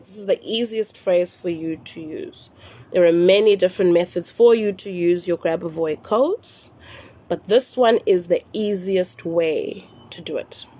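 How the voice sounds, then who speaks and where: A South African woman hosting a phone live stream, explaining rituals slowly and repeating her instructions, slipping into Zulu phrases. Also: on the low side, dark tone. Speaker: spiritual live-stream host.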